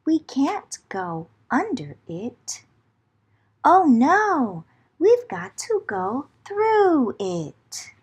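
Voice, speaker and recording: A children's storyteller reads a picture book aloud in a dramatic, theatrical style, chanting rhythmic phrases and mixing in whispers and exclamations. Her high-pitched voice swoops wildly in pitch, has a darkish tone and moves very slowly.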